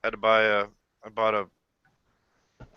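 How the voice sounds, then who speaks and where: A man chatting casually on a panel voice call, talking in halting bursts with restarts. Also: lowish voice, monotone, clear, resonant tone, no echo, highs cut off. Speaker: podcast panelist. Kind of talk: casual chat.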